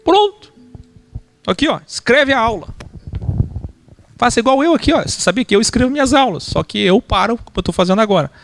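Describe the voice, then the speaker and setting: Gravelly Brazilian man teaching animatedly. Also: very high-pitched, fast talker, slight background noise. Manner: animated, mimics preaching voices. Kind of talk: lecture with mimicry.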